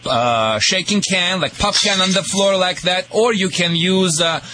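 A Russian man with a Russian accent hosts a radio call-in show, offering jokey dog-training advice in halting English and repeating his words. His voice sits high with a sharp tone, and faint music plays behind him.

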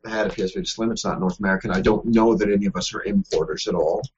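A man's voice: on the low side, fairly even intonation, very fast. A man co-hosting a gaming news podcast, talking casually with many ums and self-deprecating jokes. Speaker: podcast co-host. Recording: dull lo-fi podcast audio.

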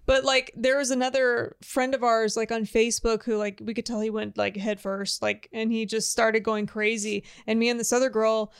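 A woman's voice: a little high, little pitch movement, moderate pace, hardly any pauses, smooth, no echo, clean studio sound. A woman from Texas telling stories in casual, profane chat, full of "like". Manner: profane, storytelling, fillers of "like".

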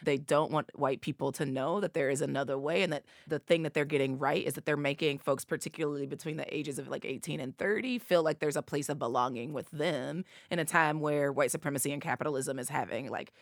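A woman's voice: deep voice, fairly quick, hardly any pauses, no echo, studio quality. A woman from Appalachia with an Appalachian accent, answering as an activist guest in an emphatic way, often checking with tag questions. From Appalachia, southern United States. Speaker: activist leader, co-executive director and interview guest. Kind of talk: impassioned interview answer.

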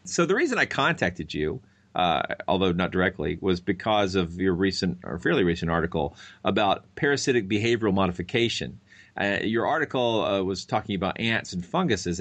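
Male science podcast host, low-pitched and very lively, with a bright, curious delivery. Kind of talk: scripted narration and interview for a science show.

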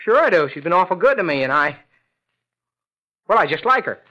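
A man's voice: sits high, sing-song, brisk, lo-fi sound. A man playing a brash, defensive young milkman with folksy, slangy talk in a 1940s radio drama. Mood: earnest. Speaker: milkman suspect. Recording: old radio broadcast recording.

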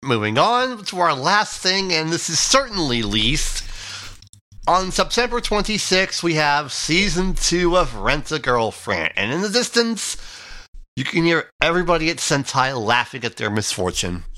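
Male podcast co-host, sarcastic, animated pitch, bright voice. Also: measured pace. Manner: dry and sarcastic, groans often. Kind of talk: casual chat.

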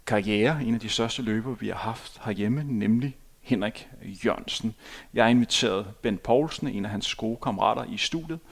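A man hosting a studio interview, asking measured questions. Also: lowish voice, a bit bright. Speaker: podcast host.

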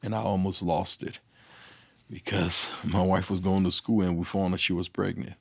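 A low, gravelly man tells his story as a guest, throwing himself into every voice. His tone is husky and rough. The recording is close and dry. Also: moderate pace, no echo. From Liberia. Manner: animated, acts out dialogue. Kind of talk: anecdotal storytelling.

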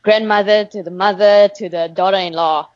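A woman's voice: mid-range voice, normal speed, no echo. Young malaysian-raised woman chatting away, laughs a lot, dull dry muffled sound. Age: young adult. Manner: chatty, animated, laughs often. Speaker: singer guest. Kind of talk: casual interview chat.

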